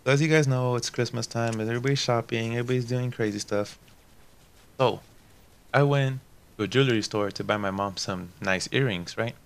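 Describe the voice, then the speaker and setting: A man's voice: mid-range voice, brisk, smooth. A young man telling viewers a casual, rambling story in a chatty, slangy way. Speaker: gaming channel host.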